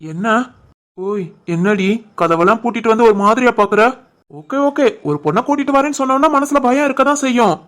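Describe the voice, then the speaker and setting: A woman voicing a young husband and shopkeeper, teasing but caring, with a Tirunelveli Tamil accent in an animated family story. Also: a little high, brisk, lightly acted. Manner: teasing banter, turns soft and worried.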